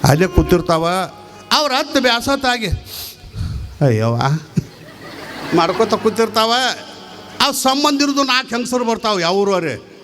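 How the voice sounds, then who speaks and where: High-pitched animated North Karnataka preacher. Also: male voice, a little slow, long pauses, slight background noise. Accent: North Karnataka Kannada. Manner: animated storytelling with rhetorical questions. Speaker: spiritual teacher. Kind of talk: humorous spiritual discourse.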